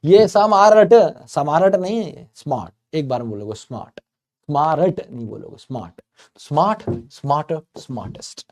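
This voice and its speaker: Mellow-voiced man teaching with playful asides. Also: medium pitch, sing-song, fairly quick. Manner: chatty storytelling teacher, playful, drawing out words for emphasis. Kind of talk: explaining English grammar to learners.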